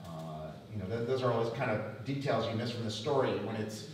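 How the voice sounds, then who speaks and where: A middle-aged man retelling family history at a public talk, halting and repeating words as he goes. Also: on the low side, lively intonation, slight background noise. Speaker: lecture speaker. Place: museum lecture room. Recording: echoey hall from far off.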